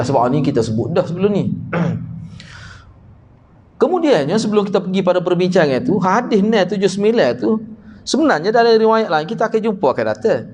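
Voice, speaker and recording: A man with a Kelantanese Malay accent teaches a hadith class, explaining terms conversationally and quizzing his students. His voice sits fairly high and swings widely in pitch. A faint hum of room ambience runs underneath. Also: darkish tone. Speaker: religious teacher.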